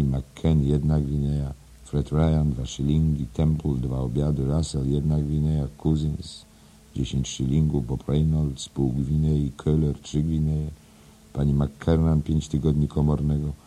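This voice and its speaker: A man narrating a literary audiobook with an extremely deep voice. His tone is very dark and mellow, and the reading stays measured and even.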